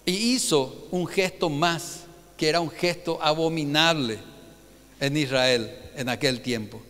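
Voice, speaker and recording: A man preaching a Sunday sermon as pastor, animated and keeps putting rhetorical questions to his congregation. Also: a little high, unhurried, in a large hall. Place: church hall.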